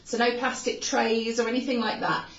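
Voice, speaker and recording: A woman's voice: on the high side, flat delivery, normal speed, a bit bright. A woman co-hosting a casual product review chat, talking with many "um" fillers. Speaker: co-host. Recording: roomy, dull sound from a distant mic.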